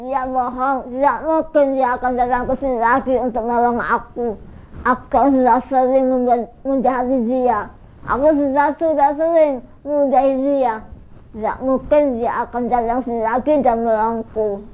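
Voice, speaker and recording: Woman doing a high shrieky sick old granny, bitter and snappy, kinda muffled audio. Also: steady tone, moderate pace, darkish tone, close to an everyday voice. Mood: scornful. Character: frail bitter old grandmother, sick and spiteful. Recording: muffled radio studio audio.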